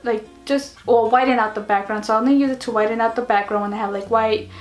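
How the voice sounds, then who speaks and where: A woman's voice: on the high side, fairly even intonation, fast, faint music behind. A woman in her twenties chatting casually to camera as a lifestyle vlogger, giggly and self-mocking. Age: 20s.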